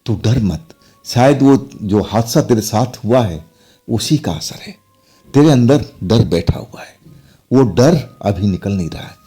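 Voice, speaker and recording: A man's voice: fairly low pitch, lively intonation, a little slow, dark tone, husky, faint music behind. A man voicing an older mother who is stubborn but caring, in a spoken horror story. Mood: soothing.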